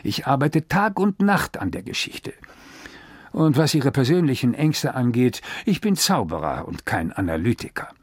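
A man doing a gruff old magician. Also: medium pitch, big pitch swings, moderate pace, no room sound. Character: Persky, gruff male stage magician.

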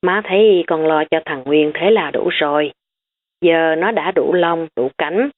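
A woman's voice: low voice, measured pace. A woman voicing a stern elderly grandmother who lectures her family firmly. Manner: firm, lecturing. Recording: tinny phone-like recording.

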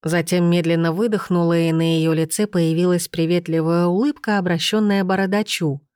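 A woman narrating a first-person novel in an even, expressive reading on a close mic. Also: on the low side, moderate pace, clean tone, no room sound. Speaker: audiobook narrator.

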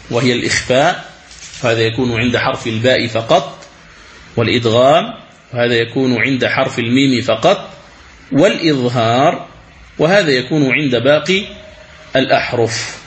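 A man teaching the rules of Quran recitation, asking questions and answering them himself, and chanting verses slowly as examples. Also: medium pitch, fairly bright tone. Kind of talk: religious lesson commentary.

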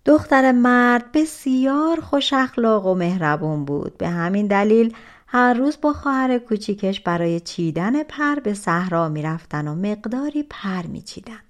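A woman reading a folk tale aloud as an audiobook narrator, in an expressive, soft-spoken storytelling manner. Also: mid-range voice.

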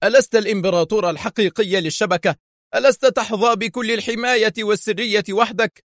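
A man voicing a furious, scheming male crime boss and spy in an audiobook, talking in sharp, menacing outbursts. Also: sits high, fast, no echo, studio quality, voice pushed up. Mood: angry. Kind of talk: audiobook character voice.

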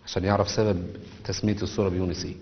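This is a very low-voiced man co-presenting a religious lesson. He mostly chimes in with short, rapid agreements, and his voice trails off into a long, echoey hall. The recording is muffled and lo-fi. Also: little pitch movement. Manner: brief agreeing interjections.

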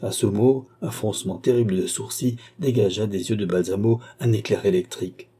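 Male narrator, audiobook reading, measured, dark, husky. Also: lowish voice, steady tone. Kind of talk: scripted narration.

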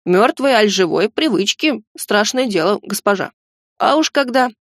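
A woman's voice: medium pitch, lively intonation, normal speed, no echo, clean studio sound, natural voice. A woman reading an audiobook, voicing a chatty, nervous male goblin servant who is undead and talks in a rambling, folksy way.

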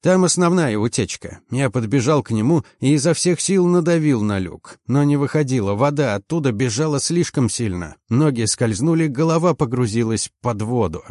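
Brief: male audiobook narrator, mid pitch, tense storytelling, very dry close recording. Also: animated, moderate pace, few pauses, darkish tone, dry recording. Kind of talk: first-person audiobook narration.

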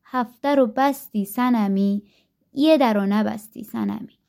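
A woman's voice: on the high side, vocal fry, a little mellow. A woman voicing a frightened old mother in a spoken folktale, with a fretful, wailing manner. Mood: lamenting.

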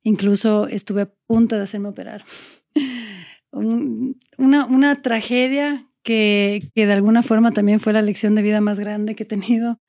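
A woman's voice: mid-range voice, fairly even intonation, normal speed, a little mellow. A woman in her forties, an actress speaking as a podcast guest, earnest and reflective as she talks in long, searching sentences. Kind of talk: candid conversational interview.

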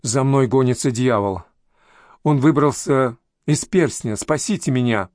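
A scared young woman begging for help in a low, tense hush, read by a man in his own plain voice. Her lines sit a little lower and quieter than the narration around them, in a dry, close recording. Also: a little slow, no echo, natural voice. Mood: frightened. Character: frightened young woman fleeing danger.

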